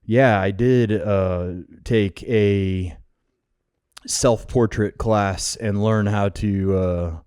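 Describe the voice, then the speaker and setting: A man's voice: fairly low pitch, fairly even intonation, extremely slow, a little mellow, clean tone, dry recording, clean studio sound. A man co-hosting a casual podcast chat, stammering a little but upbeat. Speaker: podcast co-host.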